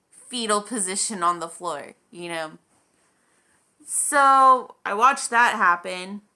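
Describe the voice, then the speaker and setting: A woman's voice: medium pitch, bright, forceful tone, smooth. A woman vlogger telling a story in a casual, chatty way, full of "like" and acted-out quoted dialogue.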